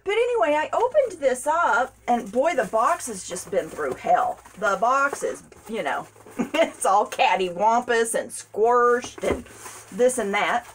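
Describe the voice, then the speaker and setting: A woman's voice: a little high, big pitch swings, slow pace, slight background noise. Gushing woman unboxing crafts. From United States. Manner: gushing, chatty, laughs often. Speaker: crafting vlogger. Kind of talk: casual unboxing chat.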